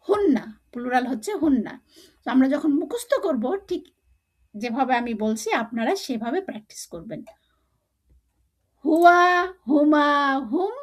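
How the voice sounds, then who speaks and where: A woman with a high voice leads a language lesson. She explains each point plainly and drills short word lists aloud, pausing so learners can repeat after her. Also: darkish tone, husky. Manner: slow drilling recitation, repeating words for learners. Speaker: Arabic teacher.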